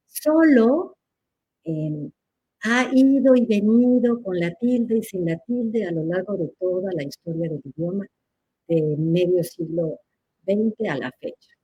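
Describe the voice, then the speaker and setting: A woman's voice: mid-range voice, warm tone, breathy edge. A woman answers audience questions in a live chat, teacherly and playful, laughing at her own examples.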